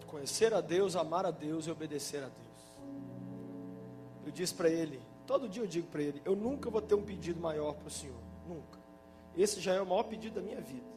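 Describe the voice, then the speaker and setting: Brazilian pastor guy preaching hard, emphatic, high voice, music playing loud behind him. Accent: Brazilian Portuguese. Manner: fervent, emphatic preaching with sudden loud bursts. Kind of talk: sermon. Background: instrumental music playing under the preaching.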